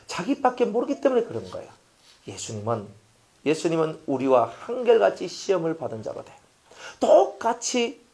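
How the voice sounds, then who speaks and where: Man, pastor, sermon, animated pitch, emphatic, rhetorical questions, loud-to-whisper swings. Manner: emphatic preaching that swings between loud appeals and near-whispers; repetitive, rhetorical questions to the congregation.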